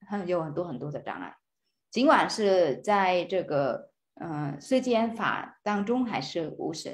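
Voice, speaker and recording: A woman's voice: lowish voice, a little mellow. A woman giving a casual Buddhist study lesson, repeating words and restarting, often asking her listeners rhetorical questions. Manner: hesitant, repeats words and restarts, frequent fillers, chuckles. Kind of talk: casual spoken Dharma lesson.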